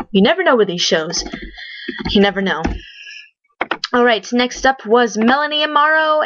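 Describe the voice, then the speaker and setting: A woman's voice: medium pitch, a bit bright, no room sound, lo-fi sound. A woman giving a casual, opinionated spoken review, blunt and chatty, with lots of fillers and restarts. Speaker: vlogger reviewing a TV talent show.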